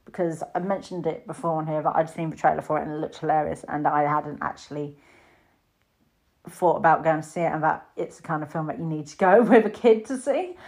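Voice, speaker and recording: A woman's voice: fairly quick, a little mellow. Chatty British woman in her thirties. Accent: British English. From Britain. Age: 30s. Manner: chatty and rambling, mimics her own reactions in sudden high bursts. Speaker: film reviewer. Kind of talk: casual chat.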